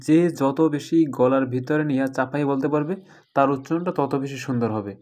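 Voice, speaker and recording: A man teaching a recorded lesson on reading the Quran, explaining patiently and drawing out each letter sound slowly as an example. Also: mid-range voice, a little mellow.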